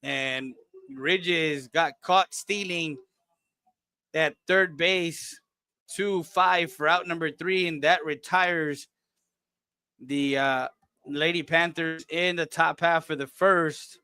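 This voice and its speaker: A man doing play-by-play commentary for a local softball game, calling pitches and reading sponsor spots with plain fillers. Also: steady tone, slow pace, clear, resonant tone, no room sound. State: coughing fits. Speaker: play-by-play announcer.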